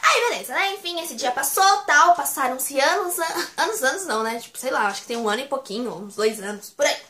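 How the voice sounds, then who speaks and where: Excitable young Brazilian woman, very high voice. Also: fairly quick, echoey room. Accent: Brazilian Portuguese. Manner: gushing, excitable, repeats words for emphasis. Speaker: vlogger. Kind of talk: casual chat to camera.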